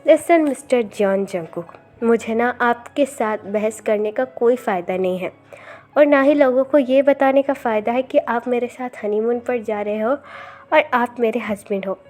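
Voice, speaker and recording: A woman's voice: fairly high pitch, moderate pace, darkish tone, close to an everyday voice. A woman voicing a sulky, jealous young man who answers angrily in a storybook read-aloud. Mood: angry. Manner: angry, huffy.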